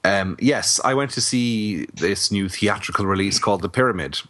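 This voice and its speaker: Low, bright-voiced man, dry critical podcast reviewer. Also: moderate pace, dry recording. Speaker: podcast co-host, film reviewer. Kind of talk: casual film review chat.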